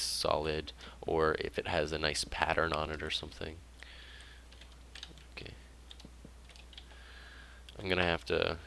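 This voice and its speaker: A young man rambling through casual let's play commentary, chatty and excitable. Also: a bass voice, creaky, a little hiss or hum. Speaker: gaming YouTuber.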